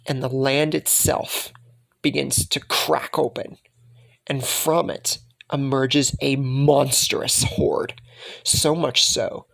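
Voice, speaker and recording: A young man narrating a fan-made story in a slow, dramatic way, repeating words for emphasis. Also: a little high, gravelly, fairly bright tone, breathy edge.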